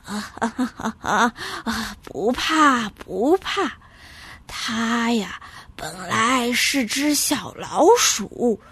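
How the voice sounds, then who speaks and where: A woman voicing a kind old male immortal who talks slowly and softly to comfort the small animals. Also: fairly high pitch, animated, husky, no room sound, exaggerated voice. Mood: gentle, soothing. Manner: slow, soothing, soft.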